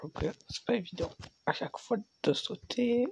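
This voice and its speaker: Young man, hoarse cracking voice, creaky, casual gaming commentary, muttered asides, noisy recording with clicks. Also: high voice, animated, moderate pace, dull audio. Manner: frustrated swearing, muttering to himself. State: hoarse, cracking voice from being sick. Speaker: gaming video host.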